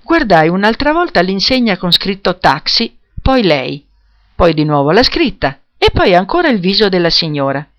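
An audiobook reader narrating a story in a steady, measured storytelling voice. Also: mid-range voice. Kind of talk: scripted narration.

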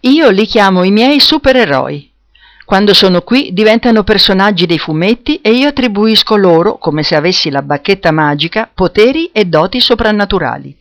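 A reader voicing a cheerful, eccentric middle-aged woman who drives a taxi, talking in a bright, chatty way. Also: medium pitch, lively intonation, normal speed, no echo, clean studio sound. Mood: warm.

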